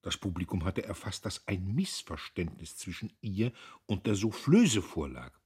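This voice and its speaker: A man reading a classic novel aloud in measured, dry storytelling narration. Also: sits low, very animated, darkish tone, slightly rough. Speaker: audiobook narrator. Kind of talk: scripted literary narration.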